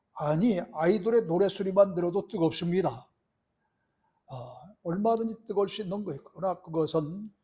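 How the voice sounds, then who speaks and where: A man's voice: sits high, mellow, breathy edge. A middle-aged man preaching a sermon as pastor, earnest and asking the congregation rhetorical questions.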